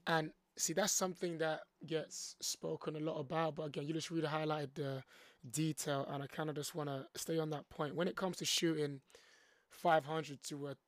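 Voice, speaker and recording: Fairly high-voiced male podcast host, dry sound. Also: flat delivery, moderate pace, no room sound. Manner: affirming, with frequent "right" interjections and repeated words. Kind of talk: casual interview hosting.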